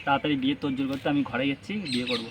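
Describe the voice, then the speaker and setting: On a prank call, a young adult male vlogger races along at medium pitch with little pitch movement. His casual chat is teasing and coaxing, full of pressing questions, and the noisy recording carries parrot squawks and ambient noise.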